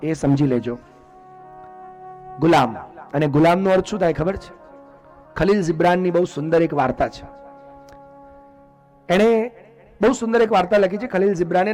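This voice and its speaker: Animated high-voiced preacher. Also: male voice. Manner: animated, asks the audience questions and answers them himself. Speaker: religious discourse speaker. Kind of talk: devotional sermon.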